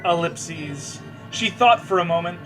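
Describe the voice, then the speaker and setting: A co-host with a slightly high voice reads fan fiction aloud a little slowly, stammering and stumbling as he drops mocking, joking comments. Video game music plays behind his voice.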